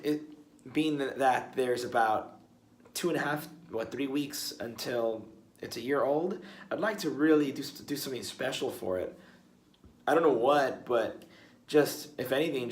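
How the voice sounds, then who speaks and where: A man's voice: mid-range voice, a little hiss or hum. A young man talking casually in a one-take video blog, rambling and restarting his words often. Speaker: musician vlogger. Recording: roomy with faint ambience.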